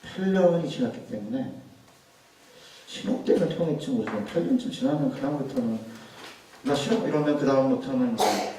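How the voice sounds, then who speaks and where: Joking preacher in an echoey hall. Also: male voice, mid-range voice, a little fast, noisy background. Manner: chatty, joking, rhetorical questions. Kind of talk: humorous sermon. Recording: echoey hall, mic at a distance.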